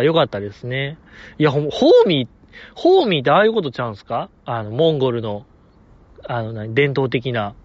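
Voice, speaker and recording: A man with a Kansai accent hosting a solo podcast, gushing like an excited fan and chuckling often as he talks. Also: mid-range voice. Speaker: podcast host. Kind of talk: casual solo podcast chat. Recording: dull lo-fi audio.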